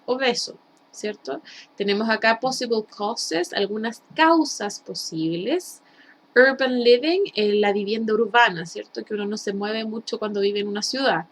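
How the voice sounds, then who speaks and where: A woman's voice: on the high side, fairly bright tone, slight background noise. Chilean woman teaching English patiently. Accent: Chilean Spanish. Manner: explains slowly in Spanish, drills English words with students. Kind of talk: recorded remote lesson.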